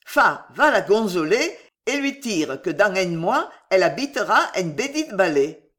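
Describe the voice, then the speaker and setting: Une femme qui prête sa voix à un vieux baron crédule et amoureux, à l'accent allemand prononcé et aux consonnes écorchées. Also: female voice, mid-range voice, big pitch swings, slow. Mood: fiévreux. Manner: thick German accent put on, mangled French consonants. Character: old German-accented male baron, lovesick and gullible.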